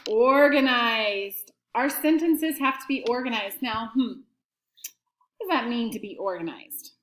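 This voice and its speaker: A woman teacher giving an early-grade writing lesson and slow dictation to students at home, prompting them patiently. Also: fairly high pitch, lively intonation, echoey room, slight background noise.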